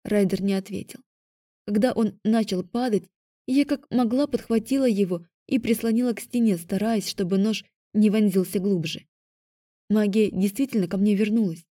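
A woman narrating a first-person audiobook in a calm, measured way. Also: medium pitch, dry recording, studio quality.

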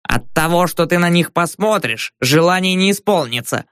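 A pushy, sly old market woman with a pitched-up, softer voice, as a male reader puts her on. She talks in a cheeky, wheedling storybook manner with a dry, close sound. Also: lively intonation, moderate pace, clean tone, no room sound. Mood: sly, insistent. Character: sly, brazen old peasant woman trader. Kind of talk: audiobook character voice.

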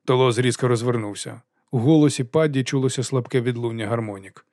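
A man reading a comic fantasy audiobook in an even storytelling voice. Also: mid-range voice, fairly quick, dry recording, clean studio sound. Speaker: audiobook narrator. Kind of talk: scripted narration.

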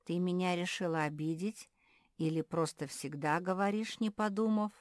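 A woman's voice: fairly low pitch, steady tone, moderate pace, no echo, clean studio sound, lightly acted. A woman voicing a rude, snappy female frog. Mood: scornful. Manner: snapping, sarcastic, loud. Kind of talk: audiobook character voice.

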